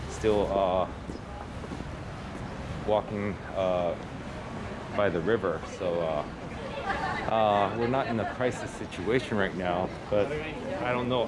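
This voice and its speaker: A man's voice: on the low side, animated, measured pace, pauses often, a loud crowd. A man vlogging outdoors by a city river and chatting with passers-by, hesitant with many filler uhs. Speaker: vlogger and street interviewer. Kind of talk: casual walking vlog and street chat. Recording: loud street and traffic noise outdoors.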